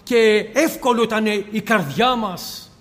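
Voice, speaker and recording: Male preacher, very high voice, fervent sermon delivery, long hall echo. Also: a bit bright. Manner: impassioned, rhetorical questions.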